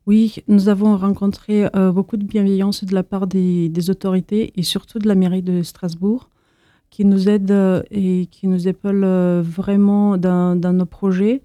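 A woman's voice: medium pitch, little pitch movement, normal speed, mellow, no room sound. A woman from Moldova, the founder of an association, answering interview questions hesitantly with many fillers and restarts.

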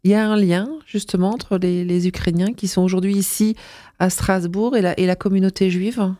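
A woman's voice: medium pitch, steady tone, moderate pace, mellow, dry recording, studio quality. A woman interviewing a guest, asking long, searching questions with some fillers.

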